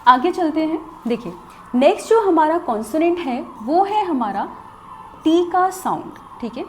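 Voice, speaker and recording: Young woman explaining a lesson, high voice that jumps around a lot, patient. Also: animated, moderate pace, a little hiss or hum. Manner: patient, explanatory, repeats "theek hai". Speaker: shorthand teacher. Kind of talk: recorded lesson.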